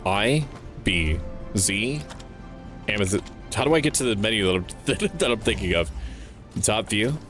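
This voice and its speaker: A man's voice: fairly low pitch, lively intonation, moderate pace, long pauses, fairly bright tone, faint music behind. A man livestreaming a game, thinking aloud in casual commentary with a playful, sweary manner. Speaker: livestreamer, VTuber. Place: indoor livestream setup with game music behind.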